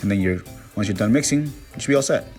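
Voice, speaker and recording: In his casual cooking tutorial, a man from Peru chats his way through a recipe, upbeat and poking fun at himself now and then. His lowish voice is a little mellow, with lively intonation and a fast pace, and soft music plays behind him.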